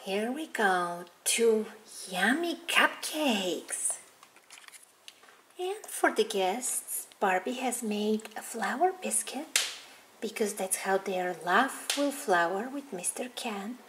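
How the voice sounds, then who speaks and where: A woman hosting a toy video, softly narrating doll play as she handles the toys. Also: medium pitch, animated, slow. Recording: noisy home recording.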